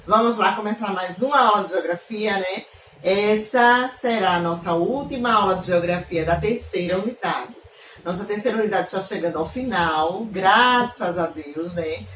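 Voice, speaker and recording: A woman's voice: mid-range voice, normal speed, a bit bright, a little hiss or hum. A woman from Northeast Brazil teaching an online geography class to children, affectionate and often checking in with questions. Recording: echoey room, mic at a distance.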